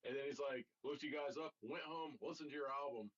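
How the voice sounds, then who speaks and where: A man's voice: mid-range voice, fairly quick, slightly rough. A young man in a band, guesting on a podcast, telling rambling stories with casual swearing and lots of fillers. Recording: dull lo-fi audio.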